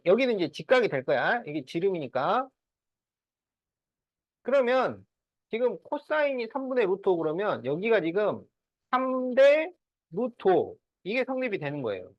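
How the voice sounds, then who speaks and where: A man's voice: high voice, no room sound, muffled recording. A man teaching a class math, working through problems step by step and often checking whether students follow. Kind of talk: classroom lesson.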